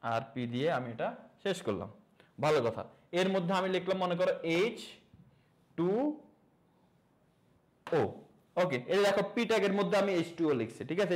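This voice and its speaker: A young man teaching a casual online coding lesson, chatty and joking with quick asides to students. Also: fairly high pitch, low-quality recording.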